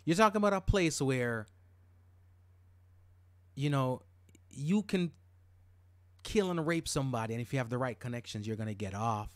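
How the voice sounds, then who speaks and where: Podcast host, man from Jamaica, middle-aged, emphatic casual monologue, mid pitch, dry close sound. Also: expressive, moderate pace, pauses often, dry recording. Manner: emphatic, repeats words when worked up.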